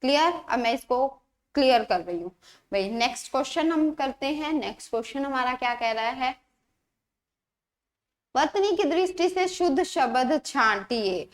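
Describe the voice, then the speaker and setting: A woman's voice: high voice, lively intonation, normal speed. A woman teaching an exam-prep grammar lesson, explaining patiently, repeating words and asking rhetorical questions.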